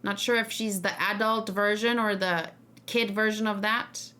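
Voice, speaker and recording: Her mid-range voice is steady, unhurried, pushed and bright as she talks about a game on a casual livestream. The woman, a streamer and reaction host, thinks aloud and muses informally along the way.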